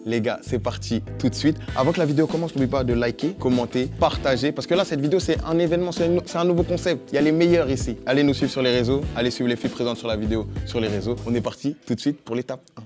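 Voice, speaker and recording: Fast-talking young man hosting with banter. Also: medium pitch, over music. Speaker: YouTube host. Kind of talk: casual comedy hosting.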